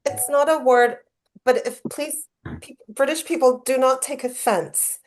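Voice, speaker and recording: Quick apologetic woman on a video call. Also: sits high, fairly even intonation. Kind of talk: casual group video chat.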